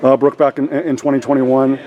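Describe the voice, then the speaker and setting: A man interviewing a high school basketball player, talking in long, effusive, rambling questions. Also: little pitch movement, brisk, dark tone, muffled recording. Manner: rambling, many fillers and restarts, effusive. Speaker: sports interviewer. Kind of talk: sports interview. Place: gym after a game.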